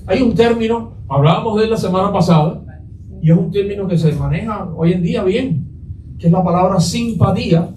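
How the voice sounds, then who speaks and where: Man, pastor, Sunday sermon, high voice, questions the congregation, echoey church, mic set back. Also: brisk, mellow, far from the mic, slight background noise. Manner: asks the congregation questions and answers them. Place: church sanctuary.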